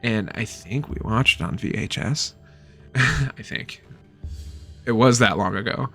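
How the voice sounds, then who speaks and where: A man's voice: mid-range voice, measured pace, creaky, pushed and bright, faint music behind. A man in his thirties giving a loose, rambling book review at home, swearing freely.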